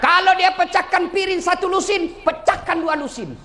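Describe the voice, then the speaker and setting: A man's voice: very high voice, normal speed, sharp tone, a little hiss or hum. A man with a Bugis-Makassar Indonesian accent preaching a humorous sermon, joking with and teasing the audience. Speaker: Islamic preacher.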